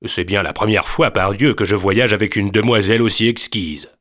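A man's voice: sits low, expressive, normal speed. A man voicing a flirtatious male ventriloquist. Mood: gallant. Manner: flirtatious, flowery compliments. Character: gallant, ordinary-looking male ventriloquist passenger. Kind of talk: storybook reading.

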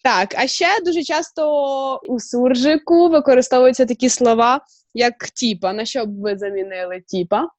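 A young woman, a student, co-hosting a casual podcast chat and briskly quizzing the host like a teacher. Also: fairly high pitch, darkish tone, dry recording. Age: young adult.

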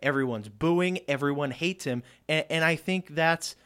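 A man's voice: on the high side, normal speed, a bit bright, clean tone. A man hosting a radio talk show, telling stories loosely with restarts and asides.

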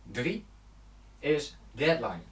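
A man talks viewers through goal-setting like a coach, earnest and direct, correcting himself and filling pauses as he goes. He stands back from the mic, and the room around him rings. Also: medium pitch, big pitch swings, fairly bright tone, roomy sound, far from the mic. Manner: loose and conversational, with fillers and self-corrections. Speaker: self-help coach. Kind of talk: motivational talk to camera.

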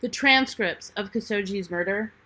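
A woman in casual conversation, asking questions and reflecting in a soft voice. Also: mid-range voice, normal speed.

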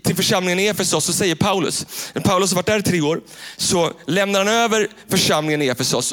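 A man from Sweden preaching a sermon on a church stage. He is animated and swings between loud urgency and hushed intensity. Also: high voice. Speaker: pastor. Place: church stage filmed by several cameras.

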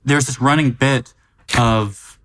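A man co-hosting a podcast recaps movie scenes casually. He talks in a relaxed way and fills his sentences with ums and likes. His voice sits at an ordinary middle pitch. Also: slow. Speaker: podcast co-host. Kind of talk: casual chat about a movie.

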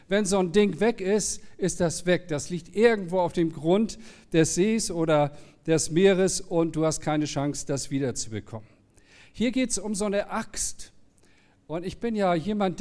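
A man's voice: a little high, a little mellow. A man preaching a conversational sermon, explaining plainly with everyday stories. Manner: casual, anecdotal, explains plainly with everyday examples.

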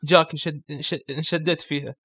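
A man co-hosting a casual gaming podcast, animated and explaining with quick examples. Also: fairly high pitch, breathy edge, dry recording, studio quality. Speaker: podcast co-host.

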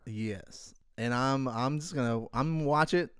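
A man's voice: medium pitch, slow pace, clean tone, dry recording, clean studio sound. A man hosting a podcast, laid-back and easily amused in casual chat. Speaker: podcast host.

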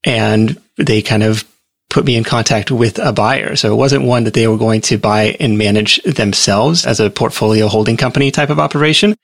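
A man being interviewed, easygoing and rambling, sprinkling his story with fillers. His voice is husky and rough with fry. The sound is dry, with no room echo. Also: lowish voice, fairly bright tone. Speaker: guest. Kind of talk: casual interview.

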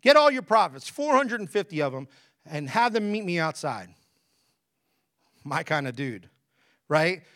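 Animated, joking man preaching. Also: fairly high pitch, measured pace, pauses often. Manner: jokey, animated storytelling with asides. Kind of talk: lively conversational sermon.

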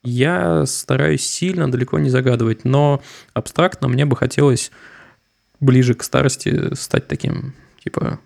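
A man's voice: medium pitch, fairly even intonation, a little slow, vocal fry, a little mellow. A young man co-hosting a podcast, chatting loosely with a wry, slightly sarcastic humor. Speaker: podcast co-host. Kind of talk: casual discussion.

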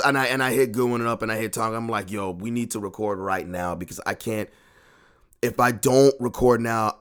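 A man's voice: fairly low pitch, a bit bright. A man hosting a sports podcast from his home podcast room, ranting in agitated bursts, repeating himself and swearing freely.

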